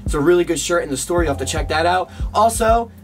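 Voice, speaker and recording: High-voiced young man vlogging. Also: animated, fast, faint music behind. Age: young adult. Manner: slangy, chummy address to viewers. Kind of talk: casual vlog chat to camera. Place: small home rooms, indoors.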